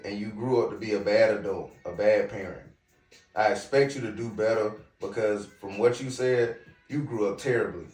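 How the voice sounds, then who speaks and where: A brash, lecturing podcast host with a slight Southern US twang speaks right to his viewers in a casual monologue from a hookah lounge. His pitch is medium and his tone a little mellow. He sits far from the mic, so the recording is roomy, with music in the background.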